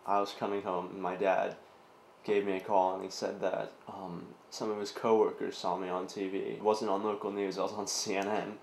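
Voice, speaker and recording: A man's voice: low voice, little pitch movement, moderate pace, gravelly, echoey room, slight background noise. A young man telling his story in a documentary interview with dry, sarcastic humor. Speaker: student interviewee.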